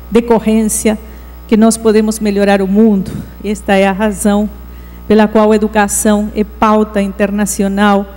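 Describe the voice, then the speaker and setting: A woman's voice: a little high, darkish tone. Woman with an argentine accent. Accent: Argentine Spanish. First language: Spanish. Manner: measured, earnest, pausing mid-phrase. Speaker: education program director. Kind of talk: conference talk. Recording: reverberant hall, mains hum.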